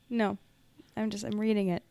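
A woman's voice: mid-range voice, creaky, no room sound. Woman with a dry, close podcast voice. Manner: sarcastic, animated, slips into a hyped announcer voice when reading. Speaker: podcast co-host. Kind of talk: casual chat. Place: home podcast setup.

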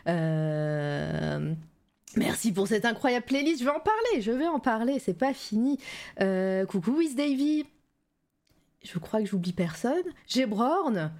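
A woman's voice: a little high, animated, a little slow, darkish tone. A woman hosting a live stream in a loose, chatty way, full of hesitations, with a slight frog in her throat. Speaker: livestream show host. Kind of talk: casual livestream chat, greeting viewers.

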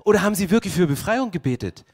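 A man's voice: high-pitched, quick pace. A young man preaching a sermon, telling the story vividly and asking the congregation rhetorical questions. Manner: lively storytelling, acts out voices, rhetorical questions. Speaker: pastor.

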